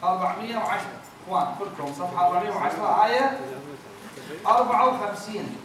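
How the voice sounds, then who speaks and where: Male recitation teacher, very high voice, patient and repetitive, chants examples; booming echoey room, mic far off. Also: expressive, a crowd in the background. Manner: explains patiently, repeats words, chants verses slowly. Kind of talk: classroom lesson with chanted examples.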